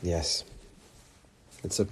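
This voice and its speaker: A man chatting casually on a phone livestream, rambling and self-deprecating as he answers fan questions. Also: extremely slow.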